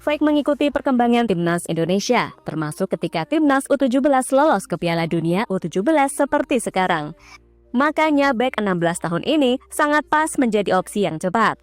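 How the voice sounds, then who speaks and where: A woman's voice: on the high side, very animated, fairly quick, no echo. A woman narrating football news in a scripted read, dropping in casual slang asides. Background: faint background music.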